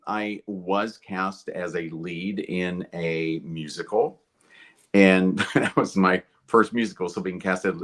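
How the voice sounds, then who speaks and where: Male guest from Kentucky, very low and unhurried, thoughtful, filler-heavy interview delivery. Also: fairly bright tone. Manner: measured, thoughtful, pauses with many "um"s. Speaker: actor and producer, interview guest. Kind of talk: interview answer.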